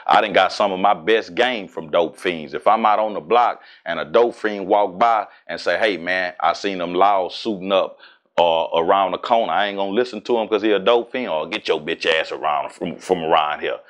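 A man in his forties from Houston with a Southern accent, talking casually and profanely as an interview guest, animated and streetwise. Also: sits low, moderate pace. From Houston, Texas. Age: 40s. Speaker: rapper and guest.

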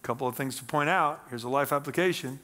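A middle-aged man preaching on a church stage, reading scripture and explaining it with animated emphasis. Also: mid-range voice, fast. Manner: animated, gesturing, reads scripture aloud then explains. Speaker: pastor. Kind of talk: sermon.

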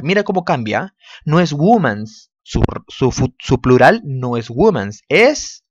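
Male teacher, unhurried and very expressive, dry and slightly dull recording. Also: on the high side, dry recording. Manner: animated, repeats words, checks in with "¿ok?". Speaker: English teacher. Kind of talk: lively explanatory lesson.

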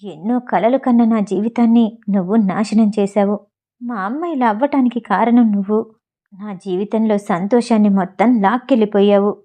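A woman's voice: medium pitch, moderate pace, phone-quality sound, close to an everyday voice. Vishal, a woman reading a grieving young husband. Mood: bitter.

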